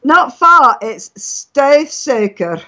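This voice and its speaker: High-pitched and sing-song, this woman draws out her words in a pushed, bright way while chatting casually on a live stream, sharing stories and chatty explanations. She speaks English natively, and the audio is dull lo-fi internet chat quality.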